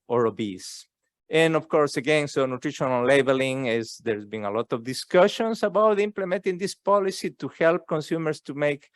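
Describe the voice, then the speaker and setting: A man's voice: medium pitch, no room sound. Hesitant man presenting at a conference. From Ecuador. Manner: hesitant, many fillers and restarts. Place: conference room.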